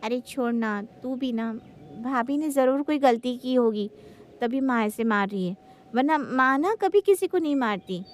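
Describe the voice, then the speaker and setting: A woman's voice: high voice, lively intonation, unhurried. A woman voicing a blunt, impatient young woman. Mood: dismissive. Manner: sharp, scolding. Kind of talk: Hindi cartoon story voice acting.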